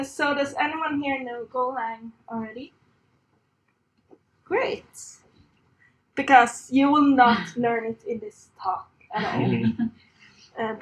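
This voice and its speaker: This is a high-voiced woman in her thirties from Sweden, speaking slowly with a Swedish accent on a rough recording. She's on a stage in a conference room, giving a chatty, self-deprecating talk and laughing often.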